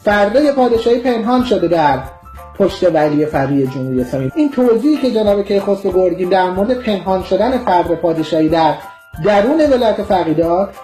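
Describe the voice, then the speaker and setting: A man's voice: high-pitched, big pitch swings, mellow, soft background music. A man from Iran giving an impassioned political monologue, vehement and scornful, lecturing his listeners. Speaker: political commentator.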